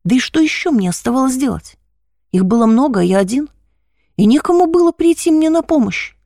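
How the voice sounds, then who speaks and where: A woman reading a first-person story aloud in a measured, expressive way. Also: high voice, no echo, studio quality.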